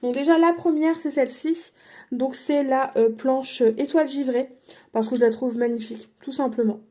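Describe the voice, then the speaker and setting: A woman's voice: high voice, fairly even intonation, normal speed, mellow. A woman showing her craft purchases in a casual vlog, chatty and hesitant, with many fillers and self-corrections. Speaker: crafting vlogger. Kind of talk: casual product haul.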